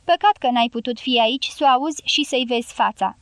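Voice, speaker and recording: Woman reading an effusive middle-aged male correspondent, gushing, fairly high voice, dry sound. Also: a bit bright, dry recording. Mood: earnest.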